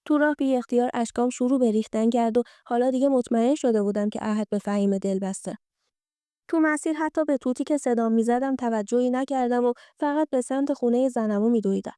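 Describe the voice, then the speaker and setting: A woman narrating a true-life story in the first person, reading in a steady, gentle way. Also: a little high, clear, resonant tone, no echo, clean studio sound.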